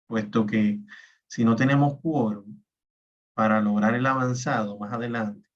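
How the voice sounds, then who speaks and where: A man's voice: on the low side, steady tone, measured pace, recorded from a distance, muffled recording. A male teacher giving an online class, explaining patiently step by step. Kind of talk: online class lecture on spreadsheets.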